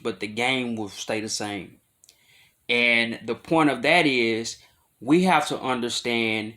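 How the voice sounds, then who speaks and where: An adult male vlogger talks casually to camera for his viewers, loose and rambling, with lots of fillers and restarts. When driving a point home, he grows louder and higher.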